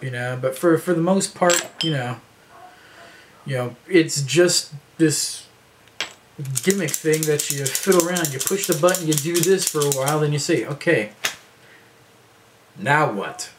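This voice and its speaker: A man's voice: a little high, unhurried, noisy background. A man in his thirties rambling casually to camera in a vlog, with lots of fillers and restarts. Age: 30s. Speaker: vlogger.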